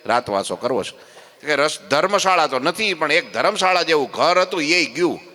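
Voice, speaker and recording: A male preacher telling a devotional story and acting out its characters. His tone is bright and forceful, and the delivery is animated. The recording carries a long reverb from the temple hall. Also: a little high, normal speed. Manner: animated, acts out voices. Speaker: katha preacher. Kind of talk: storytelling sermon.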